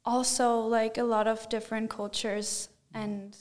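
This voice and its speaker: A teenage girl from Germany speaks, hesitant and full of fillers. Her voice sits a little high. She talks into a desk mic in a small studio. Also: level tone, measured pace, darkish tone. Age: teens. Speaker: exchange student guest. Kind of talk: casual interview answers. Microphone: desk mic with headphones.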